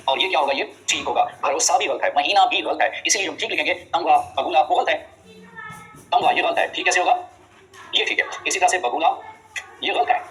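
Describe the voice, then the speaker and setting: Fast-talking male teacher drilling spelling rules. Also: fairly high pitch, a bit bright, poor audio. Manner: quick, drilling explanations with frequent reminders. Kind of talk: exam-prep spelling lesson.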